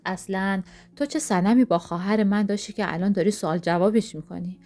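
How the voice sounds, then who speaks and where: A woman's voice: medium pitch, warm tone, lightly acted. Woman reading as a protective scolding older sister. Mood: firm. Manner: firm, scolding.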